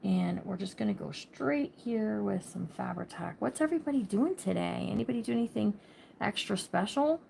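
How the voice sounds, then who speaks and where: A woman's voice: mid-range voice, lively intonation, normal speed, vocal fry, slight background noise. A woman hosting a casual craft livestream. She chats with viewers by name and thinks aloud while she works. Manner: says she talks loud.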